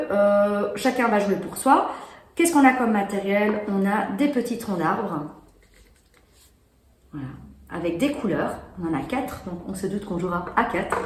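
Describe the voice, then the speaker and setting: A woman casually presenting and demonstrating children's board games, explaining as she plays. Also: medium pitch. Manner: chatty, explaining while playing. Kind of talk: casual product demo. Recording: echoey room with faint noise.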